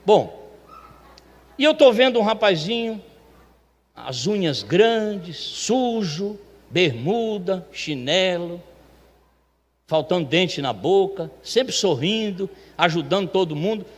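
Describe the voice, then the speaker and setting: A man telling a testimony from a church pulpit in a chatty, animated way, acting out the voices of the people in his story. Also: high-pitched, slow, pauses often. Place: church sanctuary. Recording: long reverb of a church hall.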